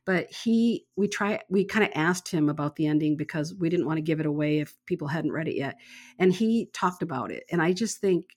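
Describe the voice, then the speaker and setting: Enthusiastic low-voiced woman co-host. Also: darkish tone. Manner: enthusiastic, emphatic, slows down on key words. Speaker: book club co-host. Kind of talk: casual book discussion.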